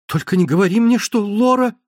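Man voicing a shrill, furious young woman. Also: a little fast, no room sound, studio quality. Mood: angry. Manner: shrill, scolding outbursts. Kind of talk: audiobook narration.

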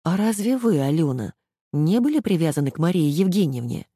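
A woman voicing a calm commanding female detective. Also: fairly low pitch, a little fast, slightly rough, no echo, clean studio sound. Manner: calm, conciliatory.

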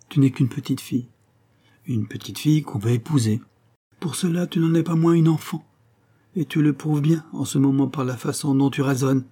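A man's voice: medium pitch, mellow, slightly rough, voice pushed up, natural voice. A man reading aloud, voicing a grave, sorrowful middle-aged noble mother in a storybook.

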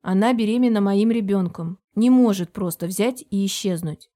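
A woman's voice: mid-range voice, moderate pace, mellow, lightly acted. A woman voicing a cold, controlling businessman husband who talks curtly and with steel in his voice. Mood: steely. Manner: curt, steely.

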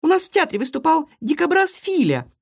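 A storybook reader voicing an excitable young female guinea pig who squeals and exclaims. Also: sits high, a little fast, creaky, voice pushed up, exaggerated voice. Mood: excited. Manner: squealing, exclaiming, breathless delivery.

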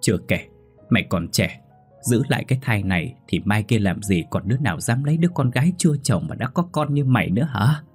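A man's voice: medium pitch, lively intonation, fairly quick, husky, faint music behind, pitched above the performer's own voice. A man voicing a middle-aged mother who cries and pleads with her daughter. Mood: tearful pleading. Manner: weeping, pleading.

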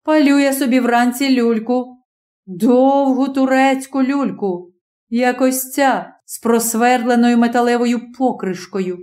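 Woman narrating a story, measured and expressive. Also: on the high side. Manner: measured, expressive storytelling with slow emphatic pauses. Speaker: audiobook narrator. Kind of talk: literary audiobook reading.

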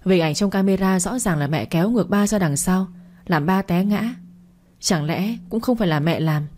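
A woman's voice: lowish voice, normal speed, darkish tone, lightly acted. A woman reading as a worried, pressing grown son. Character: worried grown son questioning his mother.

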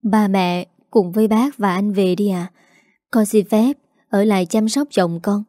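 A woman voicing a grieving young wife in an audio story, speaking softly and politely. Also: mid-range voice, steady tone, measured pace, no echo, clean studio sound, natural voice. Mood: sad.

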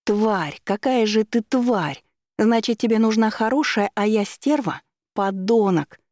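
A man voicing a spoiled, hysterical rich young woman who talks in a shrill, indignant way. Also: brisk, dark tone, no room sound.

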